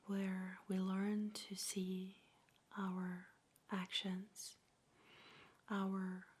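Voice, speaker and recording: A woman leads a meditation in a breathy, soft whisper, speaking slowly and gently in the ASMR tradition and pausing at measured intervals. Her pitch is medium.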